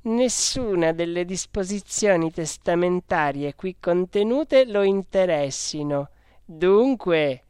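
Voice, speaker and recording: A reader of a storybook voicing a sharp-tongued young older sister who speaks emphatically, like a know-it-all. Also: mid-range voice, expressive, measured pace, clear, resonant tone, no room sound, voice pushed up, close to an everyday voice. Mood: emphatic.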